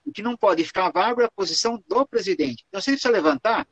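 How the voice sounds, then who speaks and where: A man's voice: sits high, lively intonation, racing, no room sound, low-quality recording. A man with a Brazilian accent gives a lecture on protocol and answers questions, explaining patiently and tagging his phrases with "tá?" and "né?". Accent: Brazilian Portuguese. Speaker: lecturer on Lions Club protocol.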